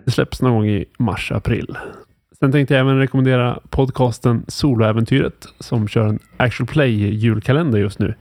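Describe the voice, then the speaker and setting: A man hosting a casual podcast about roleplaying games, relaxed and thinking aloud with many fillers. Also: medium pitch, no echo. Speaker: podcast host.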